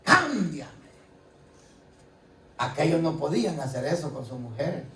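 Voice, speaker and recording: A man's voice: on the high side, brisk, a little mellow, slight background noise. A man preaching a sermon in a conversational way, often asking the congregation rhetorical questions. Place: church. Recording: echoey hall, voice from a distance. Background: faint ambience, congregation responses.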